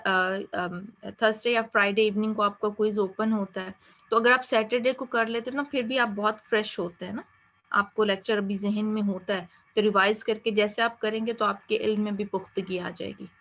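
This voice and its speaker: Woman, course lecturer, encouraging, slightly high voice. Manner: gentle, encouraging, mixes English into Urdu. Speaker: Islamic studies teacher.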